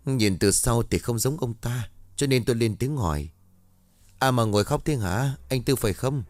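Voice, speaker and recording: A man's voice: mid-range voice, moderate pace, a little mellow, dry recording, natural voice. A man voicing a frightened middle-aged village woman who tells her tale urgently, close to his own reading voice. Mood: fearful.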